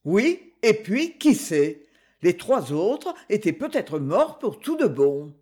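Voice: medium pitch, big pitch swings, slow, darkish tone, breathy edge. An audiobook narrator reading a first-person novel in a wry storytelling manner.

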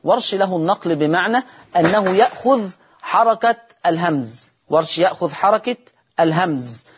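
A husky, expressive, high voice belongs to an Egyptian man teaching Quran recitation on television. He asks questions out loud before answering them, and he chants each example word slowly, stretching it out.

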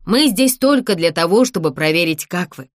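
A woman's voice: fairly low pitch, animated, moderate pace, dry recording, clean studio sound. A woman voicing a young heroine who speaks earnestly and coaxingly in a thriller audiobook. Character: brave young woman, tense but kind.

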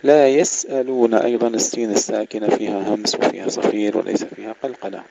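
A man teaching Quran recitation rules, chanting verses slowly and then explaining them briskly. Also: on the low side, little pitch movement, gravelly, dark tone. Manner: alternates slow drawn-out recitation with quick spoken explanation. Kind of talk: tajweed lesson with recitation. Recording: dull lo-fi recording with faint noise.

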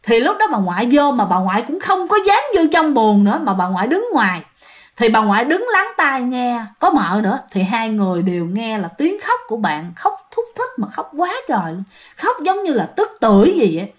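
Animated woman storyteller. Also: a little high, fairly quick. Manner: animated, addresses listeners directly. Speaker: ghost story narrator.

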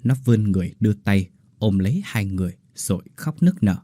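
A man's voice: on the low side, lively intonation, a little fast, dark tone, dry recording. A man narrating a horror story with dramatic delivery. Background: faint music.

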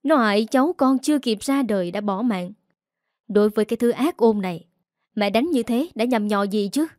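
A woman's voice: on the high side, animated, moderate pace, darkish tone, no echo, clean studio sound, lightly acted. A woman voicing a furious, cruel middle-aged mother-in-law who scolds harshly.

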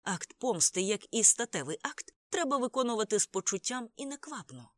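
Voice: mid-range voice, sing-song, a little fast, a bit bright, no room sound, studio quality, voice pushed up. An audiobook reader voicing a worldly male friend who speaks in languid, ironic quips. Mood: wry.

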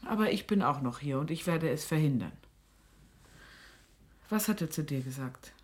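In a radio play, an actress voices a suspicious, sharp-tongued middle-aged mother who interrogates sternly and sardonically. Her voice is deep, with lively intonation and normal speed.

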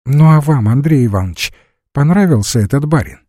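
A man's voice: fairly high pitch, expressive, a little fast, dark tone, dry recording, clean studio sound, pitched above the performer's own voice. A man reading an audiobook voices a poised, inquisitive provincial noblewoman with pointed questions. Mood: probing.

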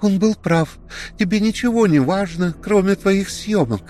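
Guy putting on a shrieky panicked young woman, way up high, sobbing and yelling. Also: very animated, unhurried, full character voice. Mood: accusing. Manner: shrill, desperate shouting.

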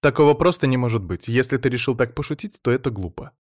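A man voicing a gruff, sarcastic female soldier in an audiobook, grumbling and rude. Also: medium pitch, animated, fast, darkish tone, no room sound, clean studio sound, pitched above the performer's own voice, natural voice. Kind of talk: audiobook reading.

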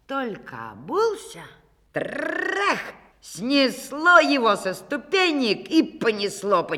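A woman telling a folk fairy tale aloud, with lively, dramatic shifts between hushed and loud passages. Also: mid-range voice, long reverb tail. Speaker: storyteller. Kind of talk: animated fairy-tale reading.

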